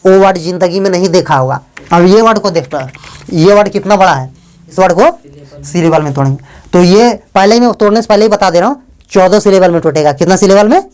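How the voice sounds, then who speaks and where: A male English teacher giving a classroom lesson, often questioning his students, spelling letters out slowly and joking with them in a fatherly way. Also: high-pitched, a little mellow, clean tone. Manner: calls students "beta" in a fatherly way.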